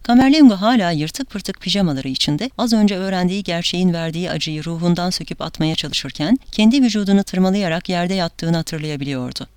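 A woman's voice: fairly low pitch, a little fast, hardly any pauses, darkish tone, clear, resonant tone, no room sound. Woman narrating an audiobook, dry sound.

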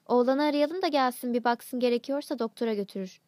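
A woman's voice: fairly high pitch, fast, darkish tone, dry recording, clean studio sound, natural voice. A woman voicing an elderly village woman, worried and plain-spoken, with terse, simple speech.

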